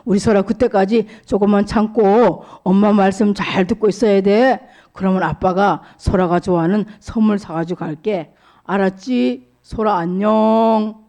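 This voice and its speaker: A woman voicing a patient father speaking on a tape in a children's story, slow and reassuring. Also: mid-range voice, fairly even intonation, dark tone, natural voice. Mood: tender.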